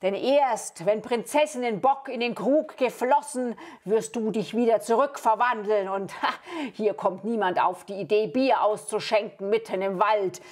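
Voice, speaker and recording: A woman's voice: mid-range voice, moderate pace, few pauses, darkish tone, lightly acted. A woman puppeteer voicing a scheming male wizard who bosses everyone around and grumbles at his mistakes. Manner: bossy, grumbling. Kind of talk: Bavarian puppet show.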